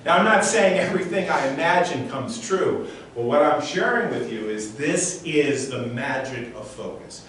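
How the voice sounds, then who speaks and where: A man's voice: mid-range voice, animated, normal speed, a bit bright. A man works a live audience as an intense mind reader. He speaks emphatically, circling back on phrases and issuing short commands. His voice comes from some distance in a very reverberant room, with a faint layer of noise. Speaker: mind reader and stage performer. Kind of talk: live stage show, motivational talk with audience demonstration. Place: large echoey room before a live audience.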